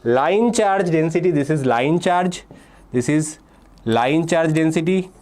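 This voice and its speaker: Speaking slowly in a fairly high, slightly mellow voice with lively intonation, a young man from India teaches a live online physics exam-prep class. He reads student names and answers from the chat, explains step by step, and repeats key points between "uh"s and "okay"s.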